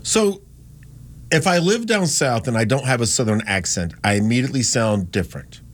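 On air, a radio host from North Carolina chats loosely and meanders, frequently starting his sentences over and fixing what he said. He has a mid-range voice with lively intonation at normal speed, and no strong accent.

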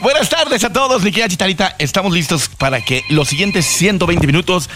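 A man's voice: sits high, expressive, fairly quick, music in the background. A man with a Mexican Spanish accent hosting a call-in radio show, teasing and joking with his co-host and callers.

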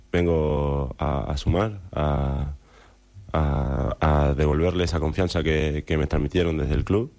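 Man, young adult, extremely low voice, halting press-conference answers. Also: darkish tone. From Argentina. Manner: hesitant, many repeated words.

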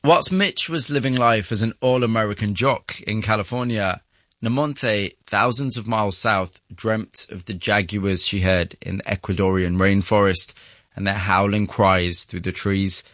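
Low-voiced male documentary narrator. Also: moderate pace, a bit bright, dry recording, clean studio sound. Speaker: host and narrator. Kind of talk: scripted documentary narration and interviewing. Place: studio.

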